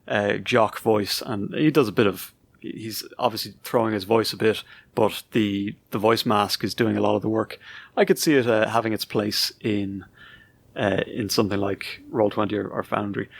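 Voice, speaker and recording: A man's voice: lowish voice, vocal fry. A man co-hosting a podcast in casual chat, musing aloud with fillers and restarts. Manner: relaxed, thinking aloud with fillers. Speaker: podcast co-host.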